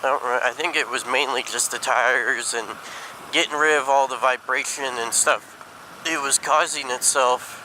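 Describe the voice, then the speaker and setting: A man talking casually and haltingly inside a helmet while riding a motorcycle, thinking aloud like a vlogger. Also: mid-range voice, steady tone. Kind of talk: casual rambling motovlog talk. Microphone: mic inside helmet. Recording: helmet mic, clear road and engine noise.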